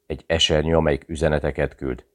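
A man voicing a meek, simple-minded male peasant gardener in an audiobook, speaking slowly and sadly. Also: very deep voice, little pitch movement. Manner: slow, sad, simple-minded.

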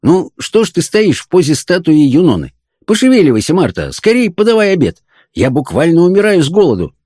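A man's voice: on the high side, expressive, normal speed, no echo, clean studio sound, pitched above the performer's own voice, natural voice. A man doing a furious bossy young man. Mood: impatient, bossy. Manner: shouting, bossy, impatient. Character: furious bossy man, cranky old professor in a young body.

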